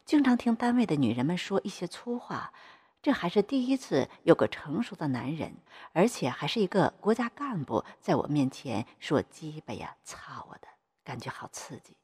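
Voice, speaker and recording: A middle-aged woman narrating a first-person adult story, breathy and at times nearly whispering. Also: low-pitched, very animated, moderate pace, a little mellow, long reverb tail.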